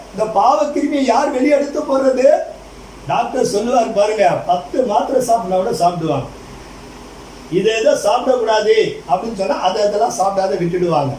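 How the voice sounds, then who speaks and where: A man's voice: extremely high pitch, warm tone, roomy sound, far from the mic, a little hiss or hum, low-quality recording. A male pastor preaching a fervent sermon, putting rhetorical questions to the congregation and addressing them directly again and again.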